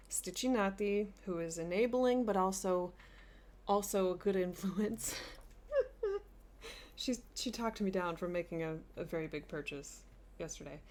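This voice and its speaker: A woman hosting a craft vlog, chatting eagerly and gushing as she shows a haul, often restarting her sentences. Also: medium pitch. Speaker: flosstube host. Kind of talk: casual chat showing a haul.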